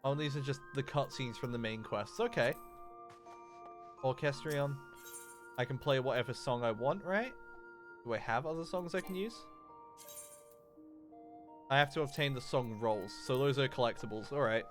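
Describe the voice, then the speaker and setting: Game music plays behind a young male streamer who speaks at a normal speed in a mid-range voice, pausing often. His casual gaming chat rambles, packed with fillers and restarts.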